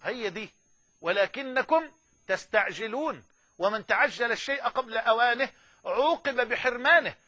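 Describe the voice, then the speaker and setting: A man with an Egyptian accent preaching an impassioned sermon, building to loud, emphatic climaxes. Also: very high voice, normal speed, dry recording, dull audio.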